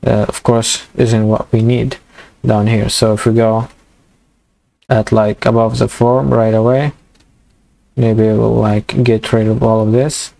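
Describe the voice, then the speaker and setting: A young man walking through a coding tutorial in a halting way, full of fillers and restarts, as his voice gives out. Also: fairly low pitch, flat delivery, creaky, dark tone. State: losing his voice. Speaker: programming tutor. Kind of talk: screen-recorded coding tutorial.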